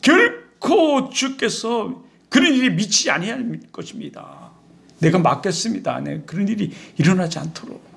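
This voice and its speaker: A man's voice: sits high, lively intonation, moderate pace, creaky, fairly bright tone, exaggerated voice. A male pastor voicing Peter as a fervent disciple protesting with insistent pleas. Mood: pleading.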